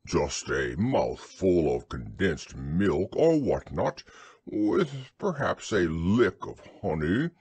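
A man voicing a humble, earnest, slow-witted bear in a storybook, with a plodding manner. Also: deep voice, sing-song, a little mellow, slightly rough, no echo, voice pushed down, full character voice. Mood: dreamy, wistful. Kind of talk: storybook character reading.

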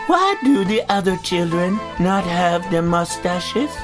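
Little child doll , played by a man, plaintive and slow, for a toy skit over playful kids' music. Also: high voice, animated. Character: odd little child doll questioning and explaining to mommy.

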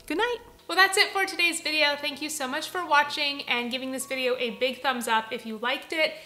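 Upbeat young woman chatting in her vlog, crisp bright voice, kinda high, soft music under it. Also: fairly even intonation, a little fast. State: pregnant. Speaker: vlogger host. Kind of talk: cheerful vlog talk and voice-over narration.

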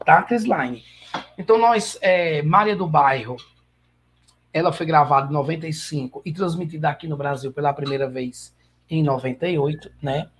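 A man's voice: fairly high pitch, slight background noise. A man with a Brazilian accent giving an informal online lecture, chatty and addressing viewers by name. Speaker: guest lecturer.

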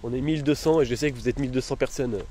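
Surrounded by trees and bushes, a vlogger in his thirties holds his phone at arm's length and rambles very fast to his followers in slangy, casual speech despite being in pain. His voice is mid-range with a dark tone, and the noisy outdoor recording carries background ambience.

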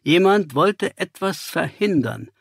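A male narrator voicing a calm, superior detective in an audiobook, slow and measured with a husky tone. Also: on the high side, dry recording, clean studio sound, heavily acted.

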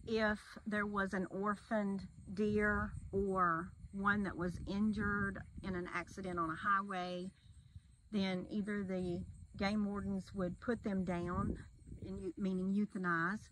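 Middle-aged woman, wildlife rehabber, patient step-by-step explainer, camera a few feet off outdoors, clear background noise. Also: mid-range voice, little pitch movement, slow. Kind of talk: casual outdoor interview. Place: outdoors by a metal barn wall.

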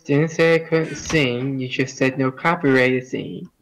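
A man's voice: mid-range voice, steady tone, a little slow, poor audio. A man playing a co-op game, bantering and teasing in a contrary, joking way. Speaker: gamer. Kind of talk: co-op gameplay chat.

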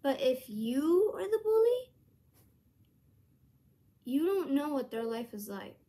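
A woman's voice: high-pitched, big pitch swings, slow, mellow. A woman vlogging to her channel in a rambling, earnest way, full of hesitant restarts. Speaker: YouTuber. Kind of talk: casual vlog monologue.

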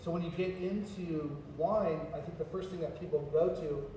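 Mellow-voiced guy from LA chatting on a panel, far off and echoey. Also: a little high, normal speed, a little hiss or hum. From Los Angeles. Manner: chatty, self-deprecating, repeats words. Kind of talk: panel discussion.

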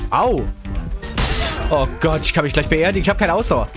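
Young man, gameplay commentary, high-pitched, very animated, slangy and excitable, game music behind. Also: normal speed. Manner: excitable, slangy, laughs often, yelps at hits. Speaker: gaming YouTuber.

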